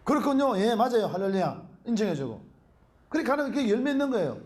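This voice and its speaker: A middle-aged Korean pastor, preaching a sermon in an animated way and often calling out hallelujah. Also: male voice, very high-pitched, fast.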